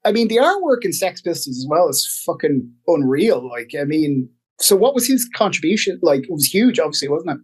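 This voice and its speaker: A woman's voice: sits low, sing-song, fairly quick, hardly any pauses, darkish tone, breathy edge. A woman interviewing a musician, asking her questions hesitantly and with plenty of fillers.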